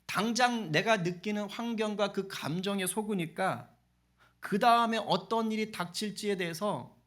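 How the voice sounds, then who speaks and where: A man's voice: high voice, unhurried, fairly bright tone. A man preaching a sermon as pastor of a church, talking in a chatty way and acting out the people in his story. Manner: conversational preaching, acting out quoted voices. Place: church sanctuary.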